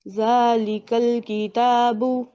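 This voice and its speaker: A woman student on a video call, reciting after her teacher in a very slow, careful, even way. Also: on the high side, smooth. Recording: muffled video-call audio.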